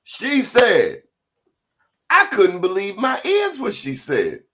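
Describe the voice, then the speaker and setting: A man's voice: sits high, wildly swooping pitch, slow pace, pushed and bright. A man hosting a talk show, telling comic stories in casual, colloquial, exclamatory chat.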